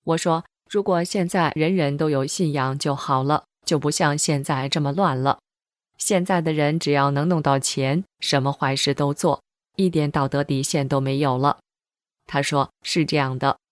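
Woman, low voice, steady scripted reading, dry close sound. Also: normal speed, no room sound. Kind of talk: scripted first-person testimony narration.

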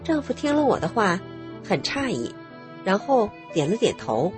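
Calm woman narrating a radio story. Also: medium pitch, moderate pace, over music. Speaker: narrator telling her own story.

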